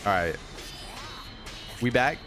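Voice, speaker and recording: A man's voice: mid-range voice, animated, slow, fairly bright tone, faint music behind. A man giving casual, sweary reaction commentary as a streamer, with incredulous asides.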